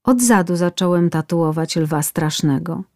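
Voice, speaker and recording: A woman's voice: on the low side, a little slow, darkish tone, dry recording, studio quality. A woman voicing a stern, stubborn male barber in a storybook tale, matter-of-fact in manner.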